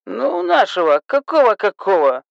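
A man voicing a drunk, hiccuping woman who calls the police, shrill, bossy and slurring. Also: huge pitch swings, normal speed, creaky, dry recording, lo-fi sound, exaggerated voice. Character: drunk, hiccuping, rude middle-aged woman caller.

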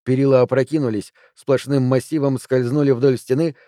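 A man narrating an audiobook in a steady, measured reading. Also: medium pitch, dry recording, clean studio sound. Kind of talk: scripted narration.

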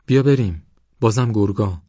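A man's voice: on the low side, mellow, slightly rough, no echo, highs cut off, pitched above the performer's own voice. A man voicing a frightened young passenger in an audiobook, urgent and anxious. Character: frightened young man on a night truck ride.

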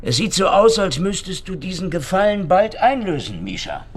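In a full character voice that is high, sing-song and slightly rough, the actor again voices the sardonic Soviet secret police investigator from the German radio crime drama. He speaks at a moderate pace, sounding insistent, swaggering, cocky and threatening.

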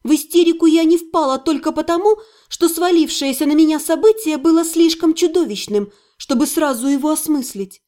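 A woman narrating a first-person fantasy audiobook, expressive in dialogue. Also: high-pitched, fairly quick, hardly any pauses. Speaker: audiobook reader.

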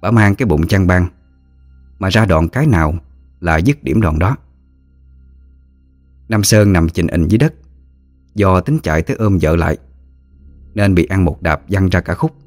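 A man's voice: low-pitched, expressive, moderate pace, long pauses, darkish tone, dry recording, soft background music. A man, steadily narrating a ghost story.

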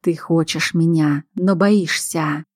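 A woman voicing a calm, controlling male alpha werewolf in an audiobook, speaking low and measured. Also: no room sound, studio quality. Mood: controlled.

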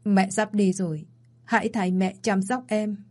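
A woman's voice: medium pitch, steady tone, measured pace, a little mellow, lightly acted. A woman voicing a weak, dying older mother in a story reading, by turns stern and pleading.

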